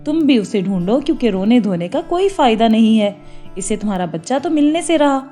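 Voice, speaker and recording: A kindly mother fish from a cartoon tale speaks in a slow, gentle, reassuring way, as a woman voices her. Her mellow, motherly voice soothes the dove. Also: fairly high pitch, very animated, faint music behind. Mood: caring.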